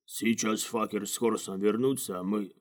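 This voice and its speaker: A man voicing an unflappable hungover male guide who speaks slowly and calmly. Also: lowish voice, close to an everyday voice. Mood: cool. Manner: slow, drawling and calm.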